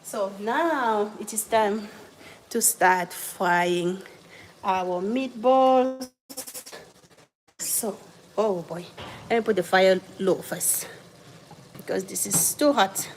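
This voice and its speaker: A Cameroonian livestream host cooks in her home kitchen, chatting with viewers, greeting them by name, and apologizing as she juggles tasks. She speaks extremely slowly at a medium pitch, pausing often, and the poor audio has slight background noise.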